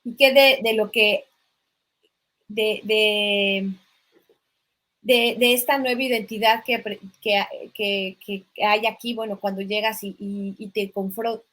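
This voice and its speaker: Woman interviewer, middle-pitched, stumbles through questions, encouraging backchannels. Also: steady tone, slow, a bit bright. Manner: hesitant questions with many repetitions, frequent backchannels. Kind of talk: casual interview conversation.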